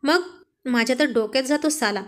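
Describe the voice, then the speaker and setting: A woman reading a story aloud and voicing a jealous, quick-tempered young husband who blusters irritably. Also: high-pitched, a bit bright. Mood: irritated.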